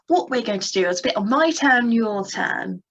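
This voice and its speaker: High, breathy young woman teaching children. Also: normal speed, highs cut off. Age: young adult. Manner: expressive, with audible gasps. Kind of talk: children's lesson with puppets. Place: indoors at a computer, virtual background.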